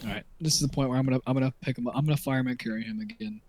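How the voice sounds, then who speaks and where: A man's voice: medium pitch, very fast, darkish tone, dry recording. A man playing a tabletop game, talking casually and swearing freely. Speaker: player.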